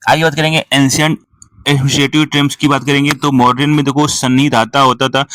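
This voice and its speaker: Male revision tutor, brisk list-rattling delivery, dry close recording. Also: mid-range voice, little pitch movement, a bit bright, dry recording, poor audio. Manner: rattles off lists, switches freely between Hindi and English terms; keeps adding "ठीक है" as a filler. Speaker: exam coaching teacher. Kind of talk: fast revision lecture.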